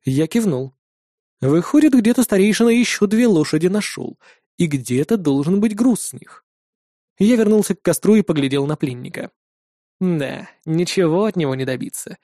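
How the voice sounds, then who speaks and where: A man reading a first-person fantasy audiobook in a calm, measured way. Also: high-pitched, no echo, clean studio sound. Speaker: audiobook narrator.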